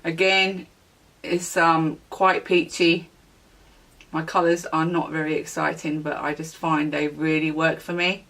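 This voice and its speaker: A woman beauty vlogger in a relaxed, chatty product review, with plenty of ums and small self-corrections. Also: low voice, a little slow, recorded from a distance. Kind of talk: casual product review chat.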